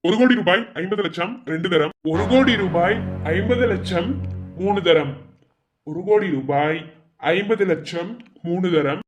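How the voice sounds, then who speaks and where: A man's voice: high voice, measured pace, long pauses, soft background music. A man voicing a formal official who runs a tender auction in a cartoon, announcing the bids. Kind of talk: cartoon voice acting.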